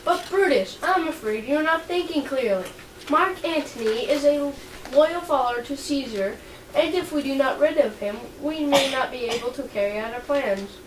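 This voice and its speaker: Woman doing sly roman plotter, pushy, loud hiss and room echo. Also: sits high, lively intonation, normal speed. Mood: urging. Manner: urging, persuasive. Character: scheming Roman conspirator, male, persuasive. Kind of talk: amateur stage acting. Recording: echoey room, distant mic, loud noise.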